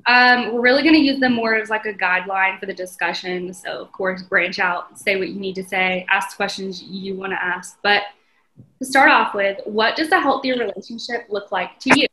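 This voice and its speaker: Young woman, early twenties, podcast host, upbeat, welcoming, bright tone. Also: medium pitch, moderate pace, reverberant, low-quality recording. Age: 20s. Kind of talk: hosting a panel discussion.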